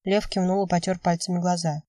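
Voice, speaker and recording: A woman reading an audiobook in steady, even scripted narration. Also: fairly low pitch, fairly quick, dry recording, clean studio sound, far from the mic.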